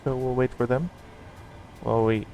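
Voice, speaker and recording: Creaky-voiced man narrating a flight sim. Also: medium pitch, fairly even intonation, normal speed, darkish tone, soft background music, poor audio. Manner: thinks aloud in short fragments. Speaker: flight simulator streamer. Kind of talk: casual running commentary on a simulated flight.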